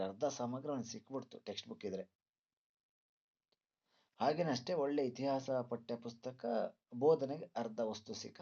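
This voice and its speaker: A man's voice: medium pitch, a little mellow. A male teacher lecturing students through exam questions, didactic, repeating points and posing rhetorical questions. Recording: dull lo-fi sound.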